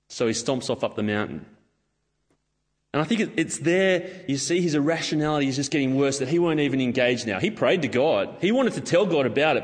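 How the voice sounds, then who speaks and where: A man preaching a sermon, telling stories casually and acting out what people say. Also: mid-range voice. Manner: casual storytelling with acted-out quotes. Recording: long hall reverb.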